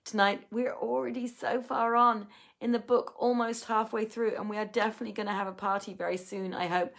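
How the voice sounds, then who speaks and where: A woman hosting an online reading, telling an old tale in measured storytelling style, then signing off casually to viewers while tired. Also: on the high side, level tone, vocal fry, fairly bright tone. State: tired, yawning. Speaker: host and reader. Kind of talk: reading a classic tale aloud.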